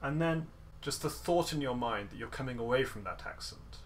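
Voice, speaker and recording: A man's voice: mid-range voice, lively intonation, normal speed, a little hiss or hum. Man coaching guitar, singing rhythms. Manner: sings rhythms with nonsense syllables; playful and encouraging, detail-focused. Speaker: guitar masterclass teacher. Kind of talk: online music lesson coaching. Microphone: video call.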